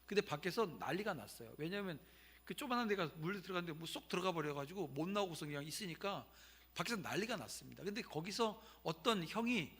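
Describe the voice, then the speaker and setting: A fifty-something pastor preaches a Sunday sermon in a church sanctuary, weaving a conversational story and speaking straight to his listeners. He talks fast in a high, slightly bright voice with lively intonation and a breathy edge.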